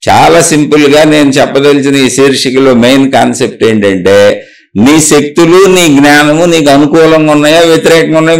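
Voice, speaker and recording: A man's voice: fairly high pitch, poor audio. A man giving a spiritual discourse, firing off rhetorical questions and scolding his listeners. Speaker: spiritual teacher.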